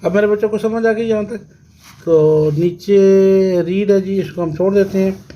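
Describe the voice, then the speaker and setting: Pakistani guy teaching kids english, talks real slow, splits words into syllables and answers his own questions. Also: high-pitched, steady tone, muffled recording, a little hiss or hum. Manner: slow, repeats words syllable by syllable and asks then answers himself. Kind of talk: classroom lesson explanation.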